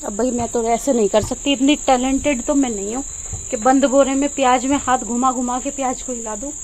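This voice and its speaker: A woman's voice: high voice, fairly even intonation, fairly quick, darkish tone, a little hiss or hum. A middle-aged woman, chatting casually to camera in a home vlog while she explains things and does chores. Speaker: vlogger. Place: home kitchen and yard.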